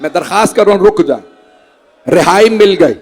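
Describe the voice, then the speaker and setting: A man's voice: high-pitched, lively intonation, normal speed, vocal fry. A male cleric reciting a mournful sermon in a large hall before a gathered congregation, pleading and rising into impassioned wailing cries. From Pakistan. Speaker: Shia cleric reciting a majlis.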